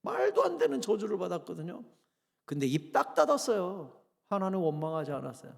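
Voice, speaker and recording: Animated, gravelly-voiced male pastor preaching. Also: sits high, a little fast. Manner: emphatic, animated preaching with rhetorical questions. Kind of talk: sermon. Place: church sanctuary. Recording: echoey church hall.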